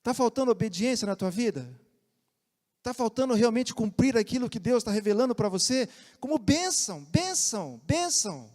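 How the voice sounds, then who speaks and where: A man with a Brazilian accent preaching a sermon as pastor, moving between loud emphasis and quiet asides. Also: very high-pitched, fairly quick. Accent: Brazilian Portuguese. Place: church sanctuary. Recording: long church hall reverb.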